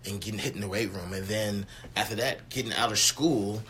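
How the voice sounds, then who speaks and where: A man's voice: fairly low pitch, fairly quick, pushed and bright, slight background noise. A young man from Richmond, guest on a podcast, speaking earnestly with many fillers and repeated phrases. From Richmond, Virginia. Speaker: YMCA sports director, guest. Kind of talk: casual interview.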